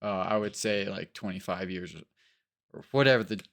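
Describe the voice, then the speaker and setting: A man's voice: low voice, fairly quick, a bit bright. A young man co-hosting a casual chat, talking animatedly with lots of fillers and crude jokes. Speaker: co-host.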